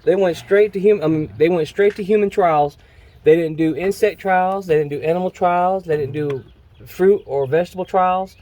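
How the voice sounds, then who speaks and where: Animated slangy guy, higher voice. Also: normal speed. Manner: animated, slangy, says "man" and "bro" a lot. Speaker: vlogger working on his brother's truck. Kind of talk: casual chat while working.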